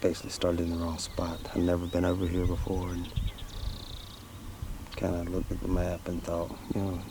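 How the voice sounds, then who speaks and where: Filming his own hunt in hilly prairie woods, a man talks plainly and casually to the camera, a little out of breath and sometimes whispering. His delivery is completely flat at a normal speed, and the field recording carries background noise.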